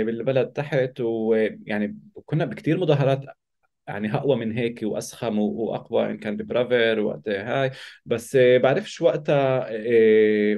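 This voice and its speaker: Fast-talking man with a Palestinian Levantine Arabic accent. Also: fairly low pitch, vocal fry, a little mellow, lo-fi sound. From Palestinian from Israel. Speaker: interview guest. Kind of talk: casual personal storytelling.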